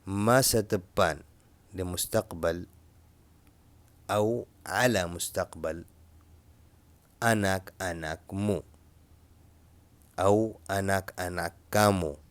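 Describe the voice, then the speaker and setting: A man with a very low, deep voice gives a relaxed spoken language lesson. He explains patiently and says each example phrase several times. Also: dry recording. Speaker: language teacher.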